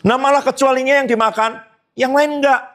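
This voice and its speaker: A man preaching a sermon as pastor, asking the congregation rhetorical questions and slipping in casual joking asides. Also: brisk. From Indonesia. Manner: animated preaching with sudden high emphatic jumps and rhetorical questions.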